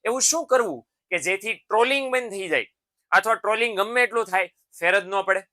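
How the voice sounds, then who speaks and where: A man's voice: high voice, brisk, sharp tone. A man giving a motivational lesson to students. He talks in a fatherly way, calls them his sons and keeps checking in with tag questions. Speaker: teacher.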